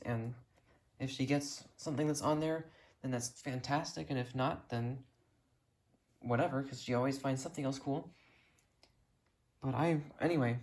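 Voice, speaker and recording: An American hobbyist hosting the video tours his collection in a relaxed, excited, detailed ramble. His mid-pitched voice comes across a little mellow.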